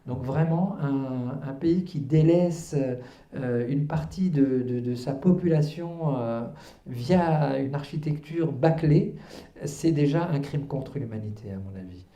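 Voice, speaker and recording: A man's voice: mid-range voice, slow pace, mellow, reverberant. A man in his fifties, born in Algeria and raised in Paris, speaking earnestly as the guest at a public book talk, with many hesitations and restarts. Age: 50s. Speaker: author and guest. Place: cultural centre hall.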